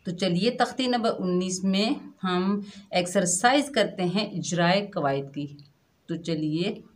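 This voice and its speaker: Slow patient woman teaching recitation. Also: on the low side. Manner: patient, explains each rule step by step, then draws out drawn-out practice syllables. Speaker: Quran tajweed teacher. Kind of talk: slow children's recitation lesson.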